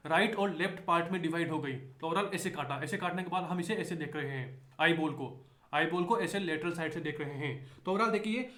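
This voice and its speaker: High-voiced man lecturing in an echoey room. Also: fairly bright tone. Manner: repeats key points with rhetorical questions; mixes English terms into Hindi. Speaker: medical lecturer. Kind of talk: explanatory lecture.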